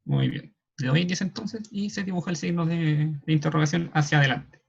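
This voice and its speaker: Chilean guy explaining signs over a video call, kinda high raspy voice, keeps saying ya?. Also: a little fast. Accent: Chilean Spanish. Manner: checks in often with a questioning "ya". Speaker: sign language class moderator. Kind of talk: online class explanation. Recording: dull lo-fi video call audio.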